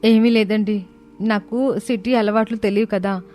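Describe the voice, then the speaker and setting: A woman voicing a polite, earnest young village daughter-in-law in a cartoon, speaking softly and respectfully. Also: mid-range voice, steady tone, normal speed, natural voice. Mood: sad. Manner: soft-spoken and respectful. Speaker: voice actor. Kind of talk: cartoon voice acting.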